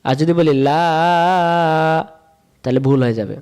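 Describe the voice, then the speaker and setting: A man from Bangladesh, teaching a step-by-step recitation lesson, repeating rules in a sing-song chant and drawing sounds out slowly. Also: medium pitch, warm tone. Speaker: Quran reading teacher.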